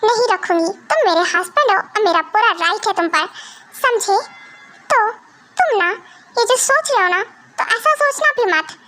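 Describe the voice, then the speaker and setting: A woman's voice: very high voice, expressive, moderate pace, sharp tone, heavily acted. A woman voicing a jealous, defiant young wife who argues tearfully and stubbornly in an amateur fan dub.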